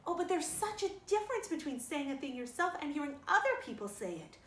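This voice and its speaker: A woman's voice: high voice, big pitch swings, fairly quick, a bit bright, voice pushed up. A woman reading a storybook, voicing a hot-tempered, wounded, defiant young orphan girl who protests in a wailing, dramatic way. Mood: wailing, hurt. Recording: roomy sound with faint noise.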